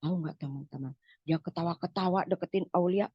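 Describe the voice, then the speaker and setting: Woman storyteller, animated, breathy, children's story, muffled webinar audio. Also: lowish voice, fairly quick, no echo. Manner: animated, addresses the children directly.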